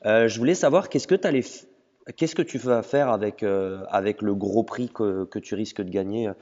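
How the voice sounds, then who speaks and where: Over an audio call, a man hosts a relaxed interview, his lowish voice slightly mellow and his speed normal. His questions are peppered with hesitation sounds, captured in lo-fi audio with long reverb.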